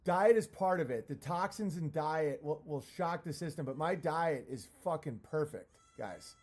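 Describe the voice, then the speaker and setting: Higher-voiced man ranting on a livestream. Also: expressive, a little slow, a little mellow. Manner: profane, self-deprecating. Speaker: live streamer. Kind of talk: casual livestream rant, answering chat comments.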